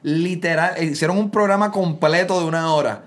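A man with a Puerto Rican accent, a comedian guest on a podcast, telling stories in an animated way and acting out quotes. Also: on the high side, fairly quick. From Puerto Rico. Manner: animated storytelling, acts out quotes. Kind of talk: casual podcast chat.

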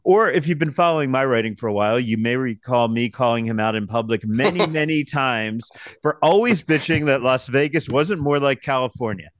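A man's voice: medium pitch, brisk, no echo. Casting: male podcast host, blunt and salty, chatty, close dry mic. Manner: blunt and profane, talks with fillers. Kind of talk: casual podcast chat.

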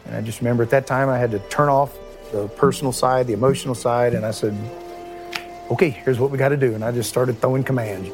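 A middle-aged former police chief, at a medium pitch for a man. He talks in a halting, emotional way, restarting his phrases and sinking quiet on the hard parts. Soft music runs faintly behind him. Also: steady tone. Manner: halting, repeats words, quiet and heavy at times. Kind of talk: emotional first-person recollection.

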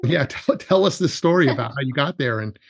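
A man's voice: mid-range voice, lively intonation, a little fast, slightly rough. A man hosting a podcast, interviewing a guest in an encouraging, affirming way. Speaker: podcast host. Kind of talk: casual interview.

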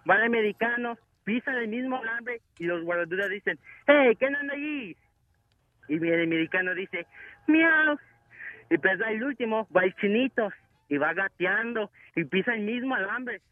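A man telling a joke on a radio show in a slow, halting way. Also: high voice, no echo, narrow, tinny audio.

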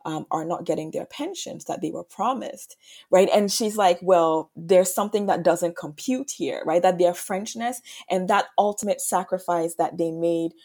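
A woman from Ghana speaks as a guest on a podcast interview, working through her answers thoughtfully. Her voice sits a little low and sounds warm and mellow. She often restarts her phrases and checks in with a quick "right?". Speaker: author and guest.

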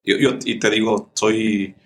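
A man's voice: on the low side, flat delivery, unhurried. A man hosting a podcast, asking questions with frequent restarts and repeated words. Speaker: podcast host. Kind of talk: interview questions.

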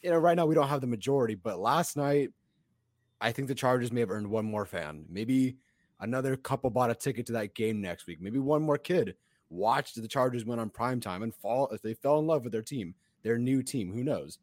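A male podcast co-host chats casually about sports. His voice is hoarse from yelling at a game, sitting at a middle pitch, and the sound is dry with no room around it. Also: animated, normal speed, no echo. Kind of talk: animated casual sports chat.

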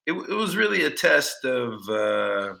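A man's voice: medium pitch, big pitch swings, a little slow, gravelly, sharp tone. A man in his forties from Texas, a former football player, guesting on a podcast in an easygoing, laughing way. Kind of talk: casual interview chat.

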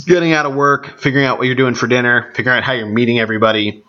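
A man with a gravelly, allergy-congested voice talking casually on his own as a sports podcast host. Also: medium pitch, steady tone, rapid-fire, sharp tone. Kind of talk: casual solo podcast talk. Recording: dull, band-limited podcast audio.

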